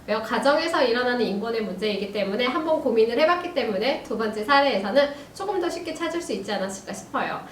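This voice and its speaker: High-voiced woman teacher in a roomy space. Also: lively intonation, quick pace, few pauses. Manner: gentle, addresses students warmly, frequent "ja" fillers. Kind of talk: recorded lesson for young students. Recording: roomy, distant mic, faint hiss.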